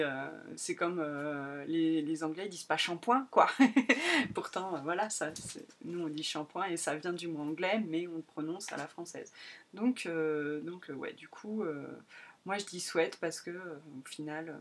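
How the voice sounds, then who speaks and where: A woman's voice: low-pitched, a little hiss or hum. A woman in her thirties from France hosting a casual solo podcast, rambling with many hesitations and laughing at herself. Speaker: podcast host.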